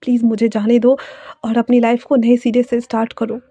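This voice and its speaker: A woman voicing a young mafia man who speaks softly and earnestly, ready to sacrifice himself. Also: fairly high pitch, level tone, a little fast, no echo, muffled recording. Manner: soft, quiet, earnest.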